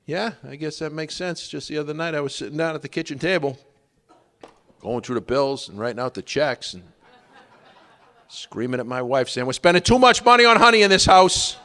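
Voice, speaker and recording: A man voicing a loud, smug, middle-aged male neighbor who keeps bees and rants about money, in a stand-up routine. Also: mid-range voice, moderate pace, pauses often, close to an everyday voice. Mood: ranting. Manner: ranting, excited and indignant. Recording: long reverb of a theater hall.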